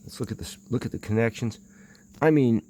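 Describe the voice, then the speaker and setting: With a mid-range, mellow voice that runs a little fast over slight background noise, this man rambles hesitantly and mutters to himself as he inspects something by hand. He's a vintage audio enthusiast presenting an unscripted video.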